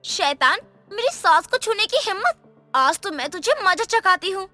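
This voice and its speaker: Bold, sharp young daughter-in-law. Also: female voice, high-pitched, expressive, moderate pace, faint music behind. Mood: fierce.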